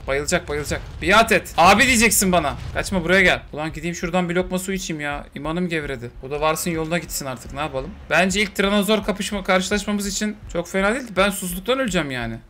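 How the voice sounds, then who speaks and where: A young man, commentating a survival game in a lively, excitable way, swearing and yelling at the creatures. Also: high-pitched, quick pace, hardly any pauses, slight background noise. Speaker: gaming streamer. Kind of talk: let's play commentary.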